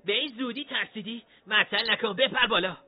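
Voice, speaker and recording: A man's voice: high voice, voice pushed up. A man voicing a bold, cheeky teenage boy who urges his friend on in a brash way, on a dull, dry recording. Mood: urging. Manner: brash, urging.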